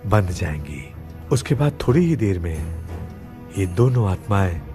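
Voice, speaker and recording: A man dubbing a confident ghost expert in a Hindi film, calm and instructive. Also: sits low, measured pace, music in the background. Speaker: ghost expert addressed as sir.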